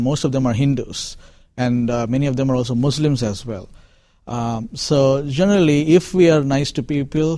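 Calm Indian man explaining as a guest. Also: medium pitch, dry recording. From Chennai, India. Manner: explanatory, calm, with many "uh" fillers. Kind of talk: interview answers.

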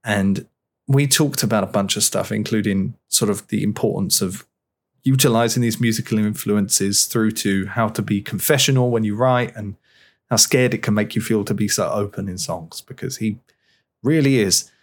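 A man hosting a podcast, talking in a relaxed, chatty way with plenty of fillers. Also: lowish voice, normal speed. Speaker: podcast host. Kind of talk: casual chat.

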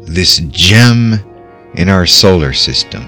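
A man narrating a guided visualization in a measured, theatrical manner with long dramatic pauses. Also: low voice, animated. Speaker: host. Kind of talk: slow guided visualization narration over music. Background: soft background music.

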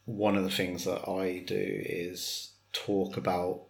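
A man, speaking in a very low voice with a candid, chatty manner. He talks things through as if thinking out loud. The room around him rings with a noticeable echo. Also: flat delivery, takes it slowly. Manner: candid, chatty, self-questioning. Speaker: podcast co-host. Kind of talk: casual chat. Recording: roomy echo.

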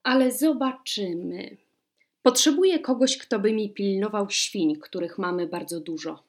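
Woman reading as an old emperor, calm fatherly tone, slow and patient. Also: mid-range voice, close to an everyday voice. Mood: measured.

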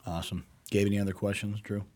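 A man's voice: on the low side, little pitch movement, fast, darkish tone. A man hosting a casual talk show, rambling and repeating himself with emphasis and the odd swear word. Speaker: show host.

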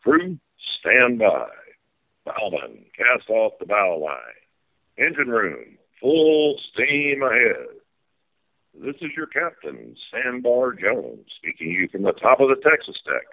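A man's voice: mid-range voice, big pitch swings, slow pace, narrow, tinny audio, full character voice. A man playing a folksy, hearty riverboat captain in a theme park ride spiel, calling to crew and passengers. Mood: hearty, commanding. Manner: folksy, calls orders to crew.

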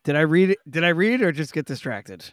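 A man's voice: fairly high pitch, big pitch swings, fairly quick, a bit bright, no room sound, studio quality. A man co-hosting a podcast in casual chat, giggly and easily sidetracked. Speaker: podcast co-host.

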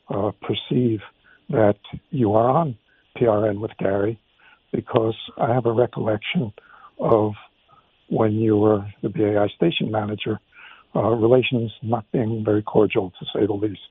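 Muffled man on a bass-only phone line. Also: breathy edge, no room sound. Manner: polite, measured, careful phrasing. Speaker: caller to a radio show. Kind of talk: call-in conversation.

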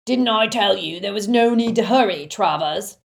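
A woman voicing a cruel male villain wizard with a rough, shouting voice in an audiobook. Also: medium pitch, normal speed, voice pushed up, natural voice. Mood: scornful.

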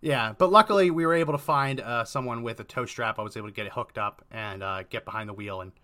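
A man's voice: mid-range voice, quick pace, bright, forceful tone. A middle-aged man from Texas hosting a podcast, telling a story casually with a rambling manner. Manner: rambling, many fillers and restarts. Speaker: podcast host.

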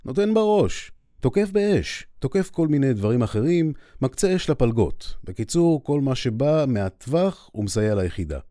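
A man's voice: medium pitch, very animated, warm tone, dry recording, clean studio sound, pitched above the performer's own voice, lightly acted. A man voicing a cocky male air force officer who teases an old friend. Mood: teasing. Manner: teasing, self-assured.

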